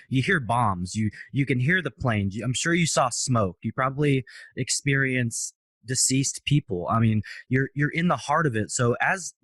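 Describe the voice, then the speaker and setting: A man's voice: mid-range voice, fairly bright tone, dry recording. A man hosting a podcast, asking long, friendly, rambling questions. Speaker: podcast host. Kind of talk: casual interview questions.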